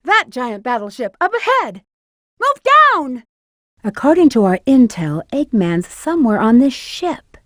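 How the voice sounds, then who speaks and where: Rouge the Bat, very high-voiced sassy game heroine. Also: female voice, sing-song, unhurried, a bit bright, dry recording, studio quality, full character voice. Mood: cool, musing. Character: flirty, cool-headed female bat treasure hunter, adult. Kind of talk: video game voice acting, short in-game hints and callouts.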